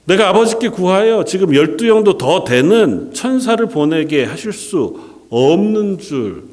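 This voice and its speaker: A male pastor quoting Jesus in a low, quiet and gentle voice during a sermon. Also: big pitch swings, unhurried. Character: Jesus, calm and quiet-spoken. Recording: echoey church hall.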